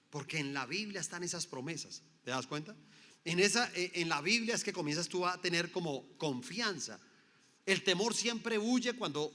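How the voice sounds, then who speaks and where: Man, pastor, emphatic sermon, rhetorical questions, higher voice, reverberant hall. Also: pushed and bright.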